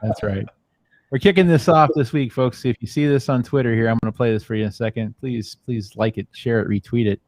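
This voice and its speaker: A man's voice: mid-range voice, a little fast, a little mellow, dry recording. A man hosting a casual livestream chat, rambling with lots of ums and uhs. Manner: rambling, filler-heavy. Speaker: founding member and host.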